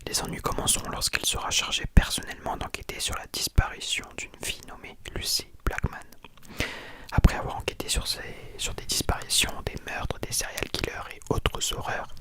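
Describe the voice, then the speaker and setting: Soft asmr library whisper, someone quietly telling a book story, no voice just breath, casual little asides. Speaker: ASMR content creator.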